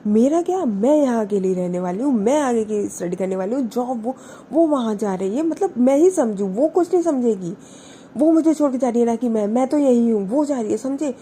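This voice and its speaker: Woman playing a young woman on edge: high, raised, exasperated protests. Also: animated, brisk, dark tone, a little hiss or hum, lightly acted. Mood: heated. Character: hurt, heated young woman arguing with her friend.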